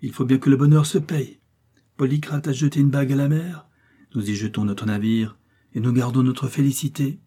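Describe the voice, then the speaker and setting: A man's voice: mid-range voice, fairly even intonation, normal speed, warm tone, slightly rough, lightly acted. A man voicing a brave young Russian nobleman who barks urgent orders in a storybook reading. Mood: cheerful.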